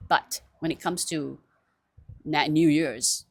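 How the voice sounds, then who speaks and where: A woman vlogging in a casual, animated chat, often laughing and poking fun at herself. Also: sits low, takes it slowly, slightly rough, no echo. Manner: animated, chatty, laughing often, self-mocking.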